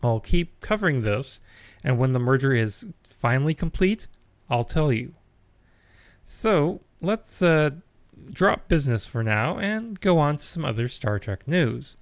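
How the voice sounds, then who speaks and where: A man's voice: mid-range voice, big pitch swings, measured pace, dry recording. A man hosting a geeky news podcast, chatty, with wry asides and frequent fillers. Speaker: podcast host.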